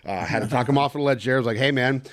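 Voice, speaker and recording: A man hosting a casual sports podcast, animated and ranting with quick asides. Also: mid-range voice. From Texas. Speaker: podcast host.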